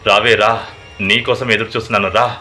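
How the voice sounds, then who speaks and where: A brave middle-aged village farmer shouts down a ghost in a horror story, as a male narrator plays him. His voice is low, with a forceful, cutting edge. The manner is defiant and steady. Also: fairly quick, faint music behind.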